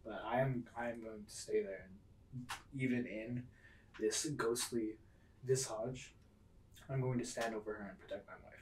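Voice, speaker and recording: Quiet joking man player off mic. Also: mid-range voice, moderate pace, long pauses, a little hiss or hum. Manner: quiet, relaxed, joking and swearing. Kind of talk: casual play at the table. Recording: roomy, distant mic, faint ambience.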